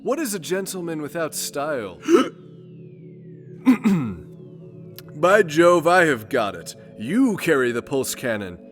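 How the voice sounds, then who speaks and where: Pompous, swooping gentleman space adventurer. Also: fairly high pitch, very animated, takes it slowly, pauses often, faint music behind, full character voice. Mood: grandiose. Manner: pompous, theatrical, florid old-fashioned speech. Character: pompous, vain self-proclaimed gentleman space adventurer, easily exasperated. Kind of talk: scripted comedic audio drama.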